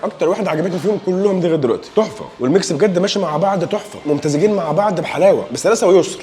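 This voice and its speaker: Young egyptian guy doing a food review vlog, talks super fast, kinda high voice, jokey and hyped. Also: a little mellow, slight background noise. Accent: Egyptian Arabic. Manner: playful, joking, enthusiastic tasting remarks.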